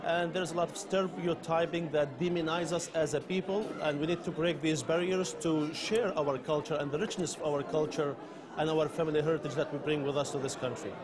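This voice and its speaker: Man, formal articulate delivery, higher-pitched voice, crowd around. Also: steady tone, brisk.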